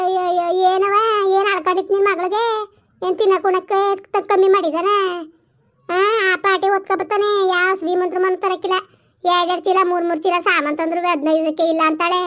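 A bickering village woman in a family feud, played by a woman. Her voice sits very high and her scolding comes out in fast, argumentative bursts. She sounds like a character from a village family drama. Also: fairly bright tone.

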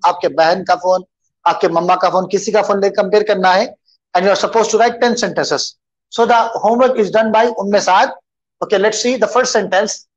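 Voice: mid-range voice, lo-fi sound. An English teacher with an Indian accent gives an online grammar lesson. The teacher reads students' sentences aloud and explains them patiently, switching into Hindi.

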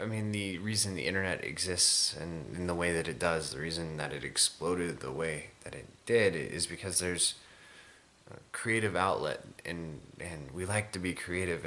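A man's voice: sits low, sharp tone. A man in his twenties chatting casually to camera, rambling in a weary, drowsy, hesitant way. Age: 20s. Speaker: video blogger. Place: small room indoors at home.

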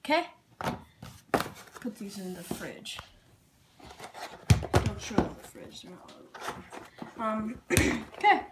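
Speaking at a slow pace with long pauses, a woman with a medium-pitched, sing-song voice chats casually in a challenge vlog, muttering slangy asides. The home video audio is very noisy.

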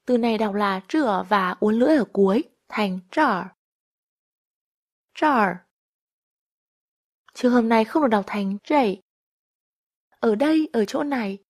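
A woman's voice: a little high, expressive, moderate pace, darkish tone. A woman teaching a listen-and-repeat language lesson, patiently saying each phrase twice.

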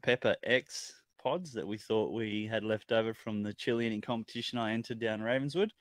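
Australian male livestream guest, fairly deep, dry close sound, easygoing blokey chat. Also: fairly even intonation, fairly quick, no room sound. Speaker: chilli challenge livestream guest. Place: indoors at home, on a video call.

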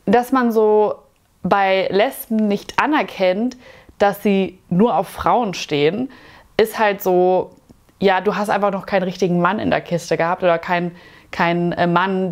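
A woman's voice: medium pitch, a little mellow. Chatty, opinionated woman reacting to a show. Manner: chatty, opinionated, sarcastic asides. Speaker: YouTube commentator. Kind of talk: casual reaction commentary. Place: small dim room with lamps, indoors.

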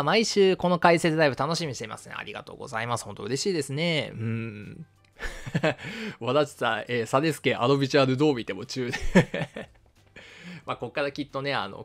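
Chatty man reading out viewer comments. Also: creaky. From Shizuoka, Japan. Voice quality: fairly high voice for a man. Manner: casual, many fillers, friendly and chatty. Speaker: history channel host. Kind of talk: live-stream chat reading viewer comments.

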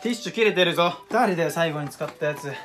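A young man, chatting excitably and casually while cooking at home for his vlog. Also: on the high side, fast. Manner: excitable, chatty, exclaims often. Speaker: vlogger. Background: background music.

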